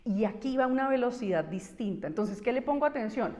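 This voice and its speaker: A woman's voice: fairly high pitch, expressive, brisk, dark tone. A woman, a speech therapist, explaining voice and articulation in an interview, laying out her points one by one and acting out examples. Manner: didactic, counts points, acts out examples. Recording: reverberant room.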